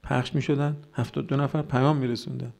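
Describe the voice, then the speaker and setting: A man's voice: medium pitch, steady tone, vocal fry, darkish tone. A man giving a religious sermon, arguing with rhetorical questions and mocking the views he rejects. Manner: argumentative, rhetorical questions, mocking quoted voices. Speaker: cleric.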